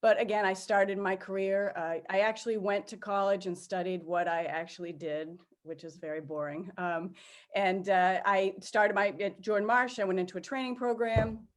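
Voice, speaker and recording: A woman's voice: medium pitch, steady tone, normal speed. A middle-aged woman with a Boston-area New England accent, informally and self-deprecatingly introducing her career as an interview guest. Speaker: interview guest, sales executive. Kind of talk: casual spoken career introduction.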